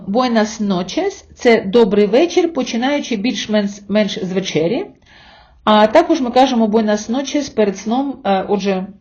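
Lady teacher, slightly high but mellow voice, a bit dull lo-fi sound, says the example words really slow. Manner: addresses listeners as friends, with hesitation fillers. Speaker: Spanish language teacher. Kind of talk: spoken language lesson.

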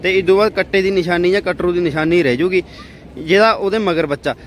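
High-voiced Punjabi man hosting outdoors. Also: fast. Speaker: livestock show video host interviewing farmers. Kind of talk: casual on-the-spot vlog commentary and interviewing. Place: outdoors at a livestock fair. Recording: outdoor event, crowd and street noise behind.

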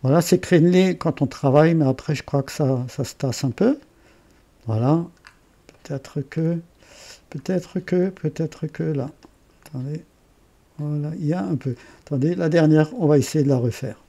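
A man with an Alsatian accent walking through a software tutorial, thinking aloud, correcting himself and adding chatty asides. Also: fairly high pitch, moderate pace, pauses often. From Alsace. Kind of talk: screen-recorded software tutorial.

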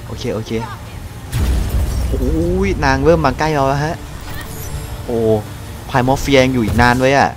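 A young man giving excited let's-play commentary to his viewers. He often shouts and laughs. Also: medium pitch, moderate pace, pauses often, noisy background. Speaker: gaming YouTuber.

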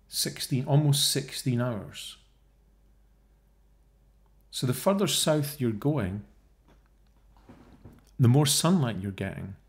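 A man narrating his own screen-share video, working through figures and mocking the idea he debunks. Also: mid-range voice. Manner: scornful, mocking asides, thinking aloud. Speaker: video creator debunking a theory. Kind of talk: casual screen-share commentary.

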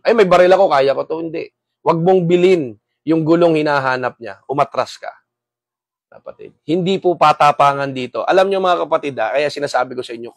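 A man's voice: fairly high pitch, creaky, no room sound. A man hosts a live-stream talk for gun owners, earnestly preaching to his viewers and often checking in with tag questions. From Samar, Philippines.

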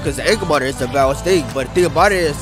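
Rapid-fire and fairly high-pitched, a young man who rides wheelies talks casually in an outdoor interview on a grassy field by a city skyline. He rambles in slang, constantly saying "bro" and "dude," into a handheld mic in the interviewer's hand, with background music underneath.

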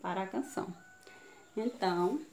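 Woman teacher, Brazilian Portuguese accent, slow syllable-by-syllable teaching, echoey room, distant mic. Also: medium pitch, darkish tone. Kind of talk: children's video lesson. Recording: echoey room, voice from far off, faint hiss.

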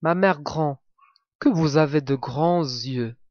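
A man's voice: fairly high pitch, takes it slowly, no room sound, highs cut off. A man voicing a naive, polite little girl in a read-aloud fairy tale, with a slightly lifted, earnest delivery. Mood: wondering.

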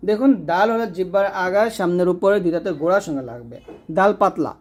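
A man teaching Quran letter pronunciation in a slow step-by-step lesson, repeating each sound for the listener to copy. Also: sits high, lively intonation, darkish tone.

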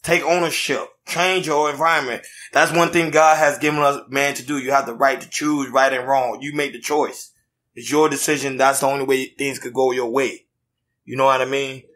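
A man's voice: mid-range voice, little pitch movement, moderate pace, fairly bright tone. Motivational podcast man who keeps saying "facts". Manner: affirming, says "facts" often, motivational. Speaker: podcast co-host. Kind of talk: casual podcast chat. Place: podcast studio in Florida.

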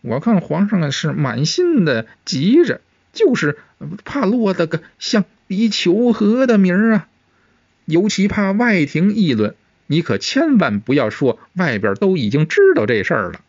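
A man's voice: high-pitched, sing-song, a little slow, darkish tone, no room sound, pitched above the performer's own voice, exaggerated voice. Guy doing a sly eunuch, raised whiny voice, hesitant and servile, dry muffled audio. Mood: wheedling. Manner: wheedling and servile, with hesitant fillers. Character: fawning, scheming palace eunuch, older man. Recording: dull, muffled sound.

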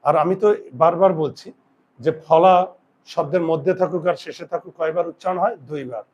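A male teacher with a fairly high voice leads a classroom grammar lesson. He puts questions to his students and answers them himself. He slows right down to dictate each rule for them to write down. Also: a little mellow, muffled recording. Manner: slow deliberate dictation of rules.

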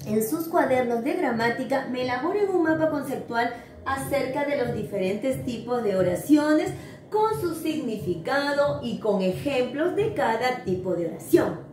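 A woman, a primary school teacher giving a remote grammar lesson and coaxing young pupils in an animated way. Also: fairly high pitch. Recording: echoey room, faint noise.

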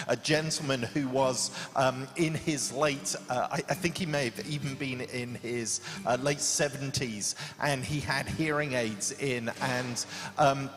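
A man's voice: medium pitch, a bit bright, big-room sound. A man pastor giving a sermon in a conversational way, with frequent fillers.

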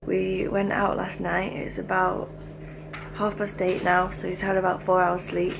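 A woman in her twenties speaking low and hushed to a handheld camera indoors, setting up a prank. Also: monotone, measured pace, gravelly, noisy background. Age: 20s. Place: small room indoors. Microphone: camera at arm's length.

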